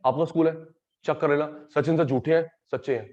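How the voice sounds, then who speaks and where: A man's voice: on the high side, steady tone, fast, a little mellow, highs cut off. A man teaching an economics class in a casual, teasing way, mixing Hindi with English terms. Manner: chatty, teasing, switches between Hindi and English. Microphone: microphone.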